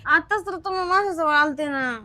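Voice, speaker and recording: A high-voiced, aggrieved village wife in a comedy skit, acted by a woman. She sounds unwell and groggy, whining her complaints in a rural Marathi accent. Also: fairly quick, pushed and bright, no room sound.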